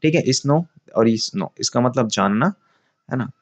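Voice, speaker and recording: A man's voice: medium pitch, expressive, measured pace, creaky, highs cut off. A man teaching English vocabulary in Hindi. He often asks a question and answers it himself, repeats key words, and calls his viewers friends.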